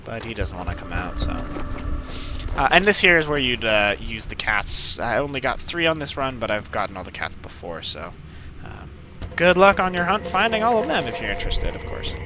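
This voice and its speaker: Hosting a gaming video, a man gives casual, jokey, playful let's play commentary. His mid-range voice is very animated at a normal speed, with background noise of game music and gunfire behind him.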